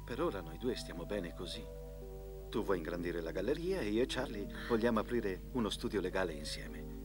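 Low, expressive husband. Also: male voice, brisk, over music. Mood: tender, persuasive. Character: loving but reluctant young husband, easily exasperated. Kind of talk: dubbed television film drama.

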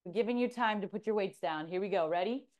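A woman's voice: mid-range voice, fast talker, a little mellow. A woman leading a workout class, counting reps aloud and giving upbeat coaching cues. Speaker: fitness instructor. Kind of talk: guided workout cueing.

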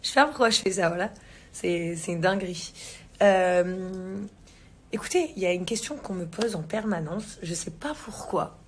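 In a spacious living room, a woman in her thirties from England talks to her followers via a phone camera at arm's length, full of fillers, slang and restarts. Her voice is on the low side at normal speed, with a little hiss or hum in the audio.

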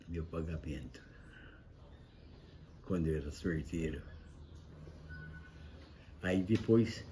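A very old man in his eighties with a Brazilian accent, chatting casually in halting, repetitive, plain words as he recalls his life. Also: low voice, dark tone. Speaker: grandfather sharing life lessons. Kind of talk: casual reminiscing chat. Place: indoor kitchen-like room, seated at a table. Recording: clearly noisy room ambience.

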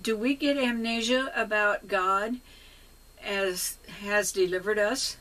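A woman's voice: medium pitch, a bit bright, far from the mic, low-quality recording. An older woman preaching a sermon from her small home office, carefully reading scripture and her notes into a webcam. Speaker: lay preacher.

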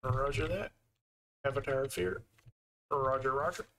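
A man's voice: mid-range voice, steady tone, moderate pace, fairly bright tone, a little hiss or hum. A man with a Canadian accent giving easygoing live commentary while he plays a game and thinks aloud. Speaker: game streamer.

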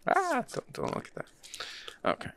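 A man's voice: moderate pace, pushed and bright. A man hosting and playing a card game, thinking aloud in an easygoing way. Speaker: card game player and channel host. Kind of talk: casual play-by-play while playing a card game.

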